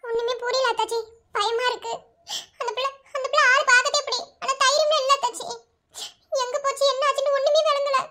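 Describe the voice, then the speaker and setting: A frightened young village woman, tearful and pleading, as a woman voices her. She has a Madurai accent and a very high, piercing cartoon voice. She sounds bright and thin. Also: steady tone, a little fast. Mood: worried. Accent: Madurai Tamil. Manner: sobbing, pleading. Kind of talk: cartoon voice acting.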